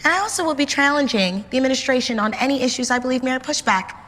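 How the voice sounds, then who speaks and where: An actress playing a determined, earnest teenage student giving a campaign speech in a screen drama. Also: female voice, high-pitched, animated, quick pace, fairly bright tone. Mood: earnest, rousing. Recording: echoey hall, faint noise.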